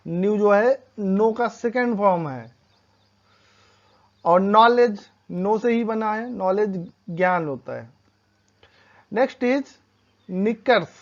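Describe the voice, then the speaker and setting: A woman gives a slow, patient lesson, spelling each word out letter by letter and repeating it. The pace is very unhurried. The recording sounds slightly dull and lo-fi. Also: mid-range voice. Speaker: English teacher. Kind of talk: classroom-style language lesson.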